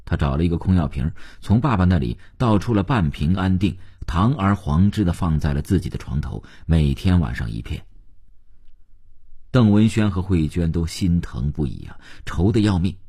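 A middle-aged man narrating an audiobook in an expressive storyteller's manner, with a husky voice. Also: deep voice, moderate pace.

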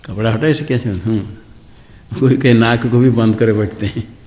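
A swami teaching scripture, chanting verses and then explaining them plainly, repeating points about clear pronunciation. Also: male voice, mid-range voice, moderate pace, darkish tone, big-room sound.

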